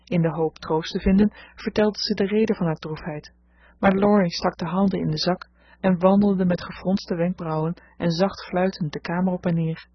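A woman narrating a storybook in a steady, even voice. Her tone is husky and close-miked with no room sound. The recording is dull and lo-fi. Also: on the low side, moderate pace, no room sound. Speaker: audiobook reader. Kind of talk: scripted narration.

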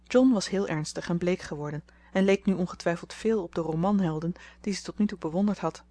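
A woman narrates a classic novel aloud in a calm, even reading voice. Her voice sits somewhat low for a woman. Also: fairly quick, no echo. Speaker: audiobook reader. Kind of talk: storybook narration.

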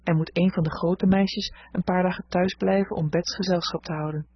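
A woman voicing a practical, kindly older housekeeper who speaks calmly and matter-of-factly, in a dull lo-fi recording. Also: on the low side, normal speed, slightly rough, no room sound. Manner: calm, motherly, matter-of-fact.

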